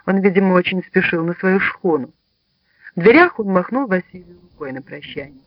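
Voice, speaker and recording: A high-voiced man reads a story aloud with lively storytelling narration. The recording is dry and close, with a slightly dull, lo-fi tone. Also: normal speed, no echo. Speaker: audiobook narrator. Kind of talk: scripted narration.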